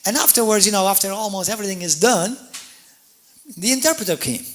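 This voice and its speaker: A Maltese pastor preaches a sermon with a high, brisk voice, telling energetic stories, repeating and restarting words, and addressing the congregation directly.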